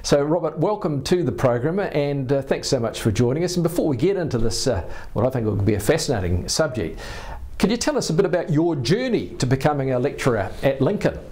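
A man's voice: mid-range voice, big pitch swings, brisk, a little mellow. Older New Zealand man, studio TV host, easy conversational presenter. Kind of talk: TV interview hosting.

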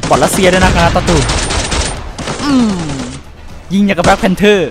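A man's voice: sits high, measured pace. A man giving casual, crude, joking commentary while playing a shooter game, with faint music behind him. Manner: excitable, crude banter, sings and jokes mid-fight. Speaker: gaming streamer.

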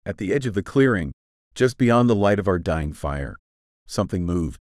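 A man's voice: deep voice, lively intonation, normal speed, a little mellow, no echo, studio quality. A man giving a scripted first-person horror narration, grave and suspenseful in his storytelling.

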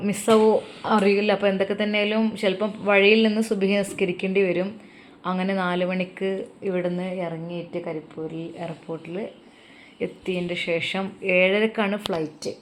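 A woman's voice: mid-range voice, slight background noise. Woman telling religious stories. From Malappuram, Kerala. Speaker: storyteller and channel host. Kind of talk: religious story narration and personal address.

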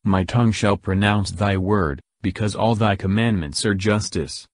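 A man reading the Psalms aloud in a measured, solemn, verse-by-verse delivery. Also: lowish voice, dry recording. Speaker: scripture reader.

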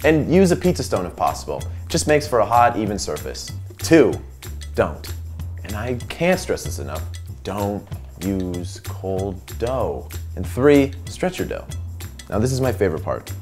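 Young man, showy overeager cooking host, lively pitch, faint music under. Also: measured pace. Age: young adult. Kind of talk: comedic cooking show. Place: home kitchen, indoors.

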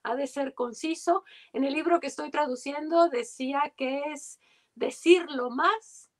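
A woman's voice: high-pitched, unhurried. A woman translator in casual conversation, thoughtful and given to tag questions at the end of her points. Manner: thoughtful, often ends with "digamos, ¿no?".

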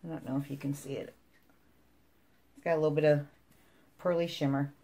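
Low-pitched woman, casual craft demo. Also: little pitch movement, brisk, vocal fry, warm tone. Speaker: resin craft demonstrator. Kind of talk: casual craft tutorial narration.

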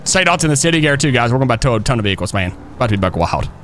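A man chatting casually as a live game streamer, folksy and excitable as he talks to his viewers and buddies. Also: medium pitch, very fast, a little hiss or hum. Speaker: streamer and police role-play host. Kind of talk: casual live stream chat while playing.

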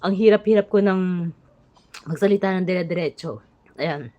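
A woman's voice: on the low side, normal speed, dark tone, dull audio. A Filipino woman talking casually on a live vlog, short of breath and strained after thyroid surgery, chatty with many fillers. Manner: chatty, frequent fillers and restarts. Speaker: vlogger.

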